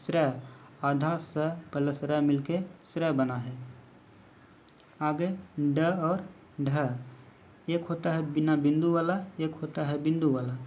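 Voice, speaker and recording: A man's voice: a little high, fairly even intonation, slow pace, a little mellow, a little hiss or hum. A man teaching a basic grammar lesson, explaining step by step and counting letters aloud.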